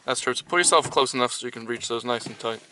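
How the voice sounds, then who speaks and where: Guy doing a fake how-to in a car, bright sharp voice, sounds kinda far from the mic. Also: medium pitch, fast talker, a little hiss or hum. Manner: deadpan mock-instructional. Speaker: host. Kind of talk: mock tutorial comedy. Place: inside a car.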